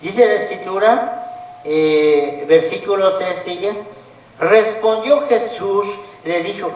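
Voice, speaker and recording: A man's voice: high-pitched, takes it slowly, a little mellow, far from the mic. A man preaching a sermon to a Bible study group, speaking emphatically and putting questions to the congregation. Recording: echoey room, voice from the mic.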